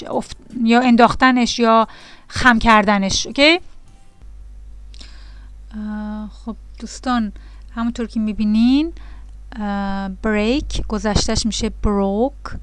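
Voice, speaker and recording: A woman's voice: a little high, fairly bright tone, smooth, no room sound. A woman teaching an English vocabulary lesson to beginners, reading definitions aloud and then explaining them patiently to her students. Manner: patient and repetitive, addressing students directly.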